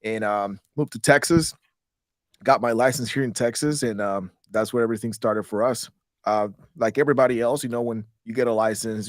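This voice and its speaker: A man's voice: medium pitch, dry recording, studio quality. A man in his thirties from Guatemala, a real estate investor, talking casually as an interview guest and often restarting words. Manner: rambling, repeats words when restarting.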